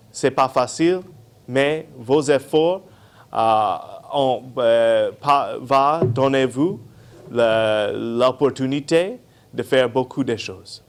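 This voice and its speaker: Slow, careful man speaking non-native French. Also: mid-range voice. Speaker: embassy official giving a speech. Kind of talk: short formal address.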